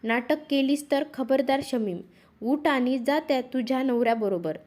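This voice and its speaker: Woman voicing stern cold mother, curt, commanding, high voice. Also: normal speed, darkish tone, close to an everyday voice. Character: stern, cold mother sending off her daughter.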